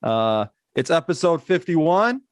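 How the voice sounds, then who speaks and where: A man's voice: fairly high pitch, very animated, takes it slowly, dry recording, clean studio sound. Upbeat, chatty young male podcast host. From Iran. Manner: upbeat, chatty, laughs often. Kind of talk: casual podcast chat.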